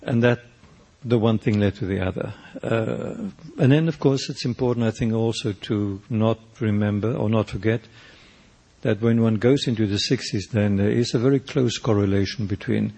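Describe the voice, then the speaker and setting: An older South African man, a poet and painter whose first language is Afrikaans, answers interview questions thoughtfully and haltingly, often restarting. He has a South African accent, and his voice is on the low side, creaky and mellow, with a breathy edge.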